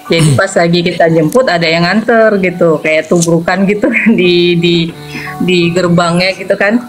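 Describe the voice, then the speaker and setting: A woman's voice: normal speed, faint music behind. A woman in her forties, a mother, telling a story in a casual interview, acting out the quoted lines and laughing often. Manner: animated, acts out quoted lines with sharp pitch jumps, laughs often.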